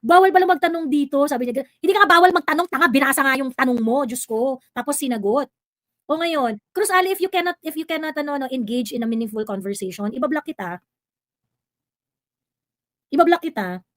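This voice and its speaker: Woman livestream host, high and dry close-mic voice, sarcastic and combative. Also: lively intonation, fairly quick, fairly bright tone, no echo. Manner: sarcastic, confrontational, mixing Tagalog and English. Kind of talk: heated livestream commentary.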